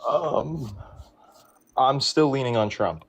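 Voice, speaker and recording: A man's voice: mid-range voice, slow pace, slightly rough. A young man calling into a livestream debate, talking hesitantly with many ums. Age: young adult. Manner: hesitant, full of ums and hedging. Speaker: caller. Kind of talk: casual debate talk.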